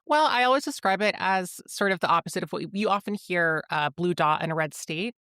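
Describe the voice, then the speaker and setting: Young woman from rhode island on a podcast, candid and laughy, smooth clear voice, dry close mic. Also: fairly low pitch, brisk, dry recording. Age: 20s. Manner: candid, laughs often, animated storytelling. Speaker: guest, founder of a platform. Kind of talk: podcast interview.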